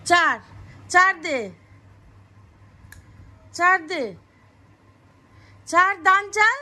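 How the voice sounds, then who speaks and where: A woman's voice: very high-pitched, drawn-out words, bright, forceful tone. A woman chatting casually while playing a board game at home, coaxing and exasperated. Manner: coaxing and exasperated, with frequent sighs. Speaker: family vlogger.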